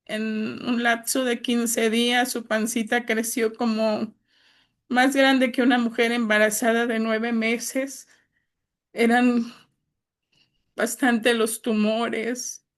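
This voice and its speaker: A woman's voice: on the high side, little pitch movement, slow pace. A middle-aged woman giving an earnest, pleading religious testimony to a group of church sisters, with frequent filler words.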